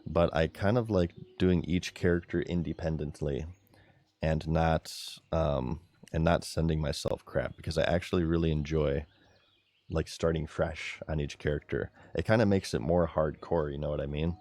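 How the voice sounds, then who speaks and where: A man giving live gameplay commentary as a streamer, chatty and excitable, talking straight to his chat. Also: extremely low pitch, normal speed.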